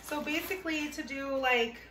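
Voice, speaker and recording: A woman's voice: sits high, normal speed, pushed and bright. Chatty woman unboxing in an echoey room. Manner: chatty, upbeat, thinks aloud. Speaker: reseller vlogger. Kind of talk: casual unboxing chat. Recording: echoey room, mic at a distance, noisy.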